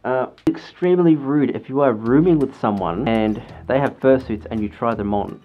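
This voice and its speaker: A man's voice: mid-range voice, moderate pace. A man giving chatty, earnest advice in a casual vlog while talking through a fursuit head. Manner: chatty, earnest, lecturing with restarts. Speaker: fursuit vlogger. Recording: dull lo-fi sound with faint music.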